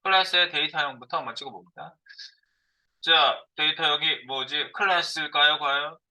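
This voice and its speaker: A man's voice: fairly high pitch, normal speed, sharp tone, poor audio. A middle-aged man giving a live coding lecture as a programming instructor. He thinks aloud while he types, asking and answering his own questions.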